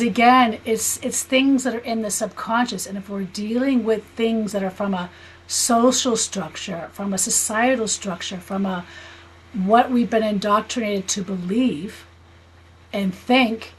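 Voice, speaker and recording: A woman in her fifties from the United States, with an American accent and a fairly high voice, speaks as a guest in a conversational interview. She is a spiritual healer and teacher who explains things earnestly and often checks that the listener agrees. The audio is poor, with a little hiss or hum.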